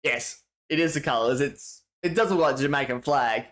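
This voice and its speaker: A man's voice: medium pitch, moderate pace, a bit bright. Australian man, stream host, casual slangy chat, rambling with restarts, answers chat messages. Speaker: livestream host.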